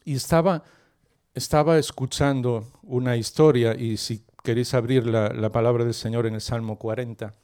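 A middle-aged man delivers a sermon. He tells a story and often turns to ask the congregation questions. His voice sits at an ordinary pitch for a man. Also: moderate pace. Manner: lively storyteller who asks the listeners questions. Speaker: preacher.

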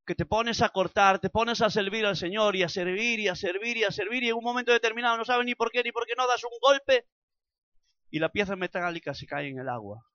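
Impassioned Spanish preacher, bright tense voice. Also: male voice, high-pitched, fairly quick, dry recording, dull audio. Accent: Spanish from Spain. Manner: builds to loud impassioned preaching, with acted prayers. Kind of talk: sermon.

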